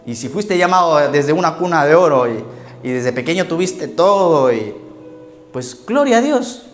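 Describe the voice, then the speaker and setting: Un pastor que predica un sermón contando anécdotas, hace preguntas a la congregación y se ríe de sus propios chistes. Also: male voice, on the high side, big pitch swings, normal speed. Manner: storytelling, asks the congregation questions, laughs at his own jokes. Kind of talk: sermon. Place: church hall. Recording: echoey church hall with faint music.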